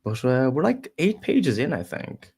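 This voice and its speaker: A man, maybe, chatting loosely on a livestream, halting with many fillers and often laughing. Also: medium pitch, sing-song, darkish tone, slightly rough. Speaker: co-host of a writing livestream. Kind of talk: casual livestream chat.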